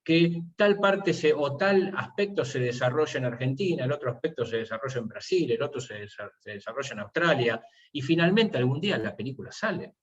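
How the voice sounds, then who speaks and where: A man's voice: mid-range voice, lively intonation, fairly quick. A man, a university teacher, explaining his course methods in an online seminar and posing rhetorical questions. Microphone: video call. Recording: muffled video call audio.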